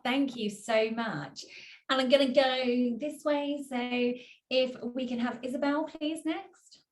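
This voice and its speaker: A woman's voice: high voice, slow pace, reverberant. A woman hosting an online panel discussion on a video call, chatty and upbeat. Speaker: panel host.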